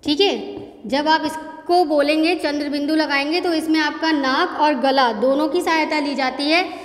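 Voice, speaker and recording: A woman teacher with an Indian accent, explaining a lesson slowly and patiently, often checking in with the class and mixing in English words. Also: high voice, fairly even intonation. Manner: slow, patient explaining with frequent "ठीक है" check-ins. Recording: echoey room with long reverb.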